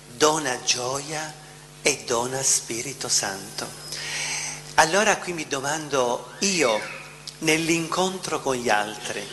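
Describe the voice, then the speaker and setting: A man's voice: on the high side, sharp tone, big-room sound, a little hiss or hum. A man preaching a sermon, emphatic and questioning, often repeating his phrases.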